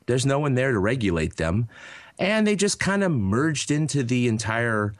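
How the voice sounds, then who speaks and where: A podcast co-host, a man in his thirties, tells a long, rambling story in a casual chat, very animated at a moderate pace, his pitch swinging up and down. He stumbles over fillers and restarts. The sound is close and dry, with no room or echo.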